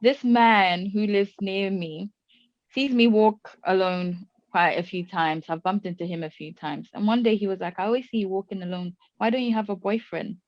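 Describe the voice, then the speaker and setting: A woman's voice: medium pitch, normal speed, no room sound, lo-fi sound. A woman in her twenties, a podcast host talking things through in casual chat and asking probing questions. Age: 20s. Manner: reflective, asks probing questions.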